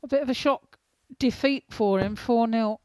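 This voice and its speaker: A woman's voice: fairly high pitch, normal speed, darkish tone, smooth, dry recording. A woman giving conversational live commentary on a darts match.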